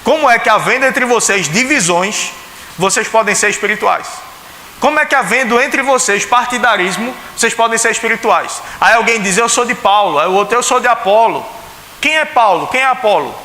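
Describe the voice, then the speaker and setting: A male pastor preaches in a church sanctuary in a high, expressive, sharp voice, speaking fairly quickly with a Pernambuco Brazilian Portuguese accent. He's chatty, leans on rhetorical questions, and dramatizes quoted voices; the hall is echoey with faint hiss.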